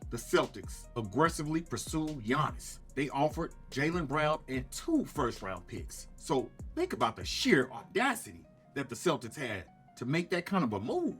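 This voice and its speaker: A man presents opinionated sports commentary in the manner of a smug, sarcastic exposé. His mid-pitched voice swings widely for dramatic emphasis and pointed rhetorical questions. Music plays faintly behind him. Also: very animated, normal speed, few pauses, a bit bright.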